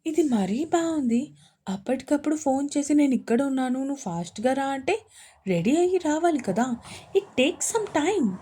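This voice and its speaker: A woman voicing a lively, warm young wife in an audio romance story, speaking high and chatty. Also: moderate pace. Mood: protesting.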